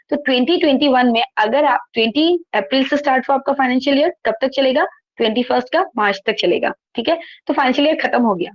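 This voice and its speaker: Woman teacher, online accountancy lecture, explanatory, asks and answers herself, slightly high, dull laptop mic, dry. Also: no echo. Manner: explanatory, asks and answers her own questions, frequent "theek hai". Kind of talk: online class lecture, reading textbook lines then explaining. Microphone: laptop microphone.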